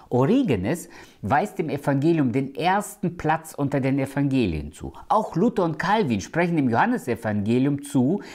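Lively preacher, emphatic sermon. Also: male voice, medium pitch. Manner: emphatic, slows down for scripture quotes.

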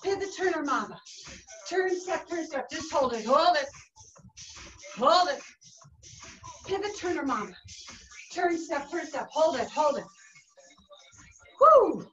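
A woman's voice: high voice, lively intonation, a little slow, long pauses. A young woman working as an aerobics instructor, calling out short, encouraging workout cues and whoops with lots of energy as she exercises in a living room. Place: carpeted living room at home. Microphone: camera across the room. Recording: distant mic, dull sound, music behind. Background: workout music.

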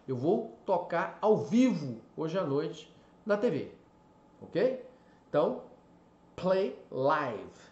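A man from Brazil teaching an English lesson in a casual, explanatory way, stretching out example words slowly. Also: a little high. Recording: echoey room, slightly dull lo-fi sound.

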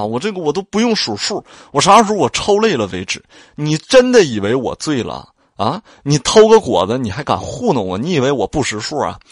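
A man's voice: no echo, studio quality. Pan Jinlian, a scolding mistress, read by a man. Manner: shrill scolding, threatening. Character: sharp-tongued jealous mistress, tipsy and scolding.

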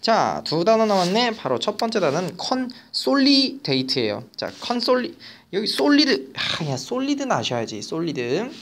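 Lively Korean lecturer checking in often. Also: mid-range voice, moderate pace, a little hiss or hum. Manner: lively, mixes casual and polite speech, keeps checking in with students. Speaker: English vocabulary teacher. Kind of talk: online video lecture.

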